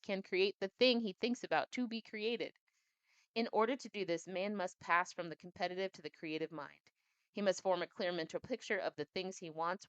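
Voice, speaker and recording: A young adult woman hosts a podcast, reading a book aloud and breaking off into chatty, animated commentary. Her voice is fairly low, and there's no echo.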